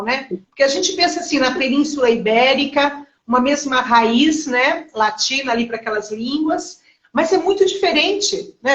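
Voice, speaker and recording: High-voiced woman host in an echoey room. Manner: reflective, asks long rambling questions with frequent "né?". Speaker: interview host. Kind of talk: interview conversation.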